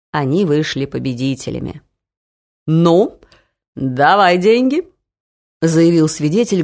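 A woman narrating a humorous family story for an audiobook, expressive and lively. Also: sits low.

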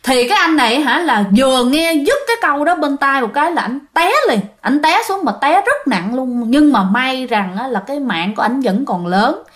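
Lady telling ghost stories, kinda high voice, super chatty, talks right to her listeners. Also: animated, moderate pace, hardly any pauses, fairly bright tone. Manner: chatty, addresses listeners directly, with fillers. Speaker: ghost story narrator. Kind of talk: casual spoken storytelling.

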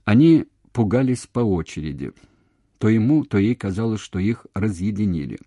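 A man reading literary prose aloud in a quiet, measured, expressive way. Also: lowish voice, breathy edge, no room sound, studio quality. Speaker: audiobook reader. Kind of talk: literary narration.

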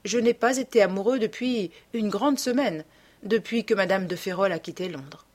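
A woman voicing a bored young gentleman in an audiobook, giving light, wry replies. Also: medium pitch, moderate pace, natural voice. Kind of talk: audiobook character reading.

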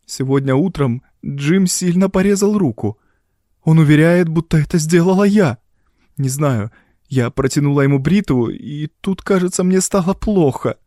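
A frightened young wife, as a male reader puts her on, pleads in a raised, unsteady voice. Her lines climb high and break with strain. The sound is dry and close to the mic. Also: animated, normal speed, mellow, no room sound, natural voice. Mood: distraught. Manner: pleading, trembling.

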